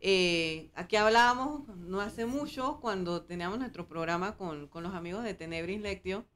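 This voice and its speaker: A woman with a Panamanian accent, co-hosting a radio talk in a casual, halting way. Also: medium pitch, fairly bright tone. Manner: halting, with restarts. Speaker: radio co-host. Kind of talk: casual studio chat.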